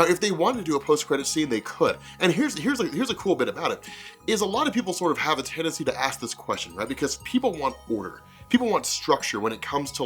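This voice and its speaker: Speaking on the high side with a slightly bright tone, a man hosts a comics explainer video while stuffed up from a cold. His fan commentary is casual and meandering, full of repeated phrases and frequent "like"s.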